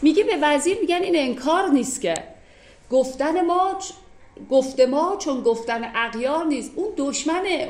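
A woman with a somewhat high voice teaches classical poetry verse by verse. She moves easily from reciting lines to chatty explanation, reaching for everyday examples. The sound carries a clear echo of the room around her. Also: darkish tone. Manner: conversational, recites verses then unpacks them with everyday examples.

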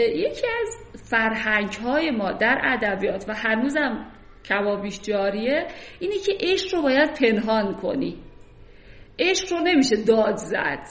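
Brief: fairly high-voiced woman teacher, reads poetry slowly and chats through its meaning, echoey room. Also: a bit bright. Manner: recites verses slowly, then explains in casual speech. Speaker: literature teacher. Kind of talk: poetry lesson, reciting and explaining verses. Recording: roomy echo.

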